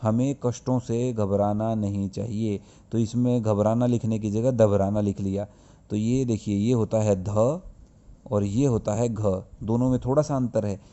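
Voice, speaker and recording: A man's voice: fairly low pitch, warm tone, highs cut off. A male school teacher giving a grammar lesson, explaining patiently and asking and answering his own questions. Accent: Hindi-speaking north Indian.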